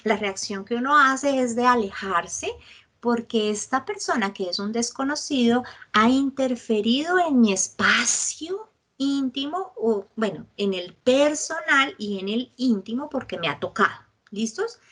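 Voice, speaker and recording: A Colombian woman leads a psychological first aid workshop. Her voice sits a bit high and has a husky edge. She often stops to check in with her listeners and acts out lively examples. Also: a little slow. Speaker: workshop instructor.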